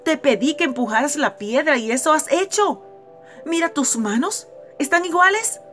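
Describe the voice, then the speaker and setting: Patient reassuring God in a read-aloud parable, voiced by a woman, gentle but pitched high. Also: expressive, normal speed, faint music behind. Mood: gentle reassurance.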